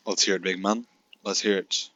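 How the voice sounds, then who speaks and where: A young man giving casual, chatty let's-play commentary, excitable and talking straight to his viewers. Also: on the low side, dry recording. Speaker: gaming commentator.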